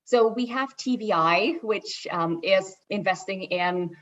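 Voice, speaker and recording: A woman's voice: medium pitch, measured pace, a bit bright. A woman from Switzerland introducing herself on a panel as a venture investor, upbeat and enthusiastic. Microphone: video call. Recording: dull, lo-fi audio.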